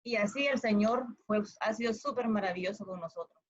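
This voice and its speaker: A woman's voice: mid-range voice, brisk. A woman with a Nicaraguan accent giving a personal testimony, earnest and telling it step by step with small restarts. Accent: Nicaraguan Spanish. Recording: dull lo-fi sound.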